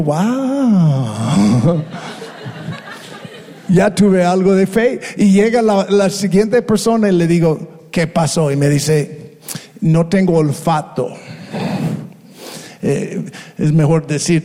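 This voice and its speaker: Man preaching, slow and high-pitched, cracks jokes and does little voices. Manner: animated, jokes and laughs, acts out voices. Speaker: pastor. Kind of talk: humorous sermon storytelling. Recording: long reverb of a large hall.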